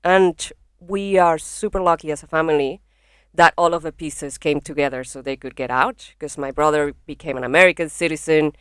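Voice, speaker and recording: Recorded dry on a podcast mic in a small bedroom studio, this young woman from Venezuela, a comedian with a Venezuelan accent, chats casually as a podcast guest, talking frankly and cursing freely. Her low-pitched voice is smooth, with fairly even intonation and a moderate pace.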